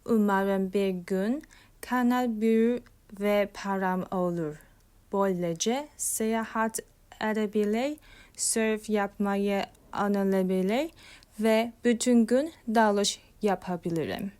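A young woman, a non-native speaker with a foreign accent, narrates a personal vlog in halting, broken learner's Turkish. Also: medium pitch, a little mellow, clean tone, no echo. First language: not Turkish. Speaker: vlogger. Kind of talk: scripted personal narration for language practice.

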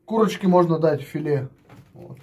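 A woman's voice: low-pitched, expressive, normal speed, darkish tone, a little hiss or hum. A woman chatting casually at home as a family vlogger, explaining what she does as she goes and often restarting her sentences. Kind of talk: casual home vlog narration.

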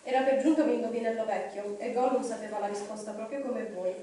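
A woman reading a story aloud to an audience at a live evening event, in a measured, expressive way. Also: on the high side. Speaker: reader. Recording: echoey hall, distant mic, faint noise.

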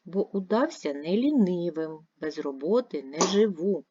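A restless, self-assured wind spirit, as a woman reading a poem puts him on, with a low, brisk and boastful voice. It is captured on a dull, lo-fi recording that sounds close and dry. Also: animated.

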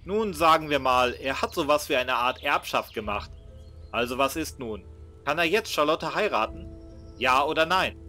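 A man voicing a brisk, confident young hero in a fan-made game mod, matter-of-fact. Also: a little high, animated, bright, forceful tone, soft background music.

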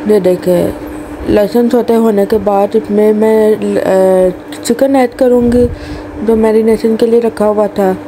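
A woman's voice: medium pitch, steady tone, takes it slowly. A woman, hosting a cooking channel and talking through a recipe step by step, with small restarts. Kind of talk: recipe voice-over narration. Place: home kitchen. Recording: noisy home recording.

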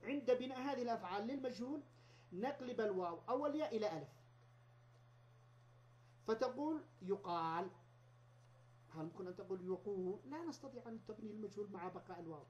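Male lecturer, patient step-by-step explainer, slow repeated examples, dull lo-fi recording with faint noise. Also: sits high, darkish tone. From Yemen. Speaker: university lecturer. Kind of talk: university lecture.

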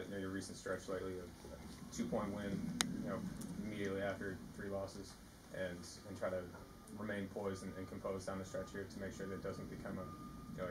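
A man, a reporter, asking long, winding questions at a press conference. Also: low voice. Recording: echoey room, far from the mic, loud noise.

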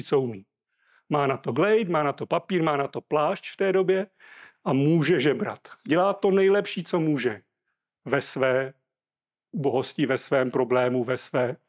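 A Czech man preaching a sermon, reading scripture aloud and explaining it earnestly. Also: fairly high pitch.

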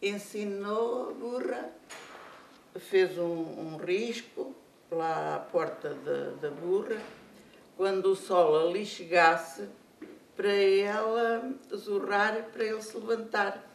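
An older speaker with a European Portuguese accent, slowly recalling family memories with many restarts. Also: mid-range voice, gravelly, a little hiss or hum. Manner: slow, halting recollection with many restarts. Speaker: senior storyteller. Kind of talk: life story told aloud. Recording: echoey room, speaker far from mic.

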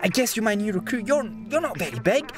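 A man voicing a determined female robot rebel in a video game, brisk and matter-of-fact. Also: high voice, very animated, recorded from a distance, over music. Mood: sceptical, determined. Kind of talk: video game dialogue read aloud.

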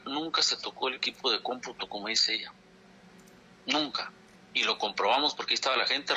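Speaking through a telephone, this man from Chihuahua, Mexico, a leader of dairy farmers, sounds insistent and indignant as he repeats himself for emphasis. His medium-pitched voice is bright, forceful and slightly rough.

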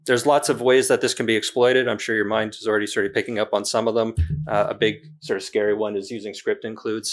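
A man with a Canadian accent giving a conference talk in a plain, direct way, with frequent ums and uhs. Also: on the low side. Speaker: conference presenter.

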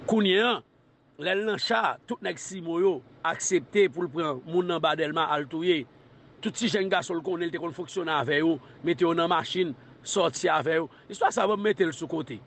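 A man with a Haitian Creole accent, making a defiant public declaration in a rhythmic, shouting delivery, from a played clip. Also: on the high side, moderate pace, vocal fry, slight background noise. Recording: dull clip with loud crowd chanting.

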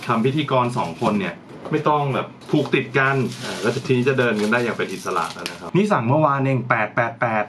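An expressive man with a mid-range voice talks at a quick pace as he unboxes and tries out gear for his channel. He chats casually and thinks aloud while handling it, against background noise.

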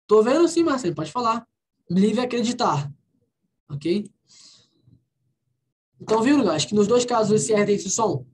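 A Brazilian woman teaching an online English class, patiently repeating words slowly to model their pronunciation. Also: mid-range voice, lively intonation, darkish tone, slightly rough. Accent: Brazilian Portuguese. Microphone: computer mic on a video call.

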